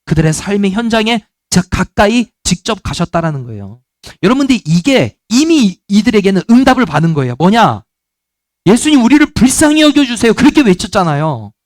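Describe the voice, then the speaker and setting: A man preaching a sermon as pastor, animated and acting out the voices of people in the story. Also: sits high, fairly quick, no echo, clean studio sound.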